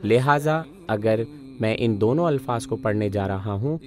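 A man teaching Quran recitation, explaining pronunciation rules in a calm, methodical, step-by-step way. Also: fairly low pitch.

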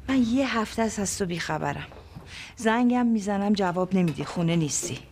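A woman's voice: medium pitch, lively intonation, darkish tone, lightly acted. An actress playing a worried mother who firmly reproaches her son. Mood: reproachful. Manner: firm and reproachful. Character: worried mother, firm and caring. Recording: background noise.

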